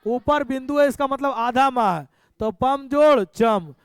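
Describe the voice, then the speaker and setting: A male teacher runs through exam questions, coaxing and repeating each answer. His voice sits very high, smooth and resonant. The sound is close and dry. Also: measured pace, no room sound. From Bihar, India. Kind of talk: exam-prep lesson.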